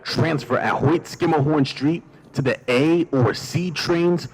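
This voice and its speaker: A man making a recorded station announcement in an even, formal voice, with the words spliced together from separate recordings. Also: fairly high pitch, takes it slowly, rough recording. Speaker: transit announcer.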